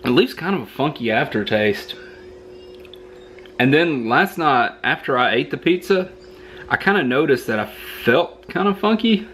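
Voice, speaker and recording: A Southern American man gives a rambling, joking food review at home. His voice sits at an everyday pitch. A faint hiss runs under it. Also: a bit bright.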